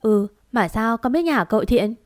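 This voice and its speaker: A woman voicing a kindly older village father, speaking in a warm, fatherly way. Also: fairly high pitch, animated, moderate pace, dry recording, clean studio sound, natural voice.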